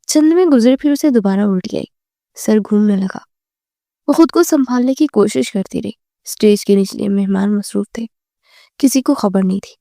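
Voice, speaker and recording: A woman reads a romantic novel aloud in a steady, measured way. Her voice is mellow and warm rather than bright. The recording is dry and close, with no room sound. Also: medium pitch, gravelly, no room sound. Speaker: audiobook narrator. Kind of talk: scripted narration of a romantic novel.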